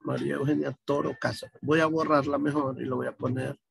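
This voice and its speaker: A man's voice: medium pitch, little pitch movement, a little fast, vocal fry, husky, no room sound. A man from Honduras teaching an online class over a video call, explaining patiently and speaking directly to his students.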